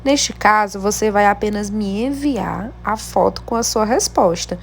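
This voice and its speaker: A Brazilian primary school teacher gives a remote lesson to young children at home, reading from a textbook in a slow, clear, encouraging manner. Her voice is medium in pitch, with a little hiss or hum in the audio.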